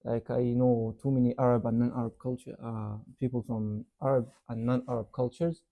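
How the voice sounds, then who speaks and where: A man's voice: mid-range voice, moderate pace, gravelly, narrow, tinny audio. A young man from Yemen, raised in Saudi Arabia, chatting casually as an interview guest, full of "like" and "you know.". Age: young adult. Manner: relaxed, rambling, many "like" and "you know" fillers. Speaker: interview guest, university student.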